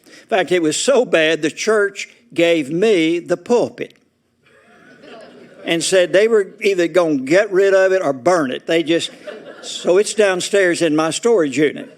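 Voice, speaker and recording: Folksy older Southern preacher. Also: male voice, high-pitched, measured pace. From Arkansas. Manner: folksy joking storyteller, laughs through his lines. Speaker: retired Baptist preacher, guest speaker. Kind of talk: humorous after-dinner style speech. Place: meeting room at a retirement community.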